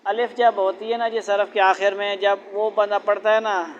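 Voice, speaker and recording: A man's voice: sits high, little pitch movement. A man teaching Quran letter pronunciation, asking rhetorical questions and repeating letter sounds aloud. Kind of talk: classroom lesson on letter pronunciation. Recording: dull lo-fi with faint noise.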